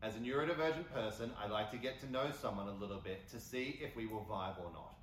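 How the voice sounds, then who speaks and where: A man's voice: lowish voice, fast talker, a bit bright, slight background noise. A man with an Australian accent on a live convention panel, reading a listener's question aloud. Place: convention panel stage before an audience. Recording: echoey hall, off-mic, faint ambience.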